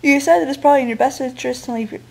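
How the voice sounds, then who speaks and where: A woman's voice: sits high, rapid-fire, gravelly, rough recording. A woman reading a text adventure game aloud and playing it, with wry, joking asides.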